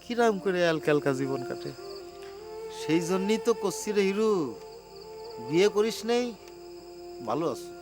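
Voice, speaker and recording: A put-upon village man, high voice, very lively pitch, self-pitying. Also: normal speed, pauses often, music in the background. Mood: aggrieved. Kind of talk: television drama acting.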